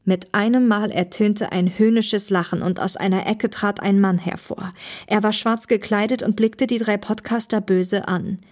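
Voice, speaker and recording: A woman as voice-over narrator, reading a short story in a clear storytelling delivery. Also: medium pitch, fairly even intonation, moderate pace, a little mellow. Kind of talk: scripted narration.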